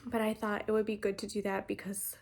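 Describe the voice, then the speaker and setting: A woman, chatting casually in a stitching vlog, talking fast and rambling with many ums and restarts. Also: mid-range voice, flat delivery, a little mellow. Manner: talks fast. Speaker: flosstube host.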